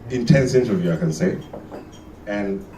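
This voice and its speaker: A man's voice: fairly low pitch, lively intonation, normal speed, warm tone, slight background noise. Stand-up comic, man from Kenya, storytelling and acting out bits, echoey room, distant mic. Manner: storytelling, acts out dialogue with shifting voices. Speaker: stand-up comedian. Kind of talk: stand-up comedy set. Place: live comedy venue with audience.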